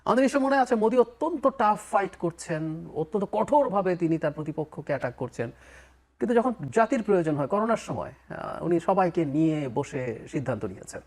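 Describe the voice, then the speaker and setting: A man's voice: sits high, fairly quick. A man giving political analysis as a talk show guest, dropping English phrases into his speech. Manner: lively, mixes in English phrases.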